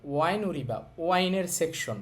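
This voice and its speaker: A Bangladeshi man with a Bengali accent teaching Japanese vocabulary, repeating each word slowly and drawing out its vowels. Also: fairly high pitch, lively intonation. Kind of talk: vocabulary lesson.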